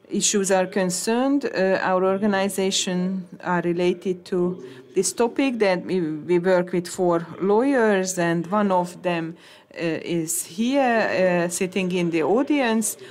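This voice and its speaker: A woman interpreting conference talks into English, halting, with many hesitations and restarts. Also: fairly low pitch, darkish tone.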